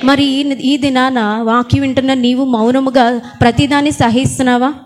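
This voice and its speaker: High-voiced woman preacher, soft-spoken, questions the congregation throughout the sermon. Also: little pitch movement, moderate pace, a little hiss or hum. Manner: quiet, calls her own voice small. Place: church hall with fans.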